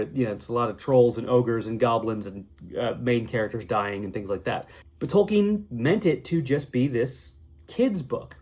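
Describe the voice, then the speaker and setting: A man hosting a podcast, explaining in a chatty, animated way and briefly acting out the people he quotes. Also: mid-range voice, slightly rough. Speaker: podcast host. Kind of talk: casual explainer monologue.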